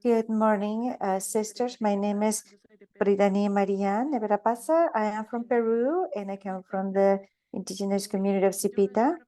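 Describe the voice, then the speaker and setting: Mellow-voiced woman interpreting. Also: mid-range voice, steady tone, normal speed. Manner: relays others' words in first person. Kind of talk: consecutive interpretation of introductions.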